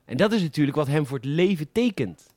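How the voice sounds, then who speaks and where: A man's voice: fairly high pitch, animated, fast talker, darkish tone, no echo, clean studio sound. A Dutch man co-hosting a podcast, casually retelling film scenes in detail and acting out the characters' quoted lines. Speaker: podcast co-host.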